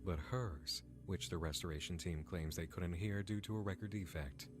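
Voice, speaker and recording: A man's voice: low voice, moderate pace, over music. A man reading scripted narration as the narrator of a video essay.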